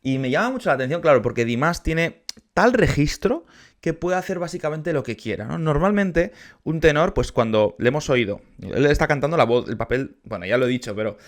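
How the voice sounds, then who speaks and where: A man from with a somewhat high-pitched speaking voice talks through a piece of music in a relaxed reaction commentary. He explains patiently and thoughtfully, pausing to reflect as he goes. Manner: thoughtful, explains patiently, sometimes sings syllables to demonstrate. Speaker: music reaction host, choir and orchestra conductor.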